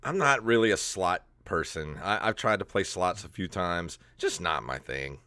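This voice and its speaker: Podcast host, man, 30s, animated storyteller, low voice, dry close headset. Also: normal speed, dry recording. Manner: animated storyteller, laughs often. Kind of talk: casual chat. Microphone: headset on video call.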